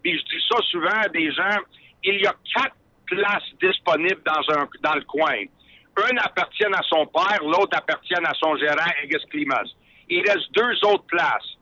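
A man from Quebec with a Quebec French accent, speaking earnestly and haltingly in an interview, excited about his work. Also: a little high, no echo, dull audio. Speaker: boxing cutman and trainer. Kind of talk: interview by phone.

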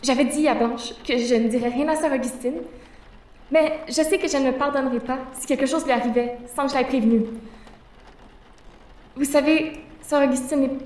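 A woman's voice: high voice, steady tone, normal speed, pauses often, darkish tone, close to an everyday voice. A woman playing a pious, self-righteous teenage boarder who stammers and pleads, in an audio drama. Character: pious prim teenage boarding-school girl. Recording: roomy, distant mic.

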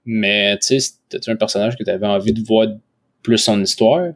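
A man's voice: lowish voice, fairly even intonation, moderate pace, dry recording. Québécois man in slangy conversation, dry sound. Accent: Québécois French. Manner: informal and slangy, with English words mixed in. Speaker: podcast co-host. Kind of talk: casual chat about a TV series.

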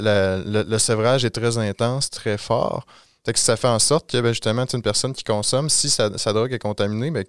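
Fast-talking Quebec French man. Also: on the low side, smooth, dry recording, studio quality. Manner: fast, informal, peppers with "you know". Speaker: street outreach worker. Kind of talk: casual podcast discussion.

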